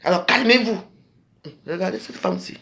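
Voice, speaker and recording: A woman hosting a live stream, delivering a repetitive, preachy rant to her viewers that swings between low murmurs and loud, high outbursts. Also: expressive, normal speed.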